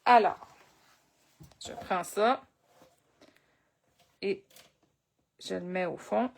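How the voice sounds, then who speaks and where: A woman's voice: medium pitch, drawn-out words, vocal fry. A woman with a Québécois French accent leading a live crafting tutorial, chatting and thinking aloud as she works. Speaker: crafting instructor.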